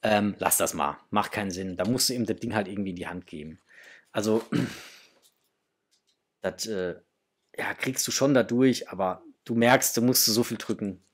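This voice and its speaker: In a small room at home, the host of a toy collecting channel, a middle-aged man, unboxes a toy and chats casually to his viewers. His voice is on the low side and slightly rough, and he takes his time, though he gushes with enthusiasm.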